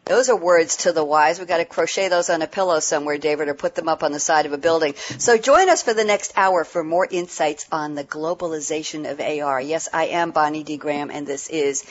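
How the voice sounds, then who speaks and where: A woman's voice: sits low, brisk, few pauses. A woman hosting a call-in radio panel show, chatty and upbeat as she introduces her guests. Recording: dull lo-fi sound.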